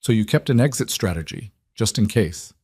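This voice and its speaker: A man's voice: fairly low pitch, expressive, moderate pace, breathy edge, no echo, studio quality. Man playing Daniel, a bitter betrayed father. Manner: hollow, cold fury turning sharp.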